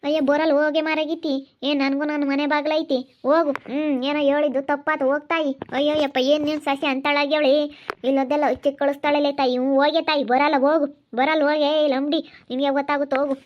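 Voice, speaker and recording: A woman playing a quarrelsome, sharp-tongued village woman in an amateur skit. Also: sits high, level tone, natural voice. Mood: dismissive. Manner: scolding, rapid back-and-forth bickering. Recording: dull lo-fi audio.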